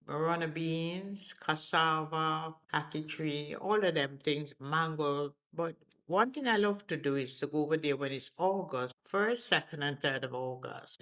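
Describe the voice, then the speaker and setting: Gravelly Caribbean man, slightly high voice. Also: pushed and bright. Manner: storytelling with dialect phrasing. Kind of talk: personal reminiscence.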